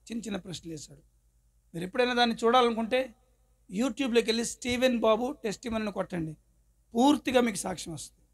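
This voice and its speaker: A man's voice: extremely high pitch, creaky, fairly bright tone. A male pastor preaching his testimony, a dramatic storyteller who acts out the scenes. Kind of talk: sermon with personal testimony.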